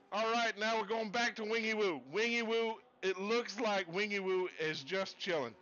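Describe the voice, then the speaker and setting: Excitable man in a put-on Texas drawl. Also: high-pitched, slow pace, highs cut off. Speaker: race commentator. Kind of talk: sim racing commentary.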